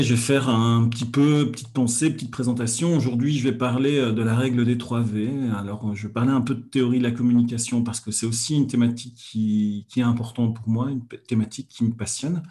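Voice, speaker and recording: A man teaches hypnosis and communication on his own channel, in a mellow, warm tone. He speaks in a measured, soothing way, often pausing on filler sounds as he gathers his thoughts. His pitch sits in an ordinary middle range. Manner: hesitant, many filler pauses. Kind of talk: calm teaching talk on a livestream.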